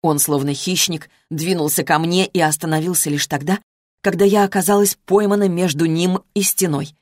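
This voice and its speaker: A woman reading a novel as a first-person audiobook narrator, in a steady, measured way on a close studio mic. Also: lowish voice, dry recording.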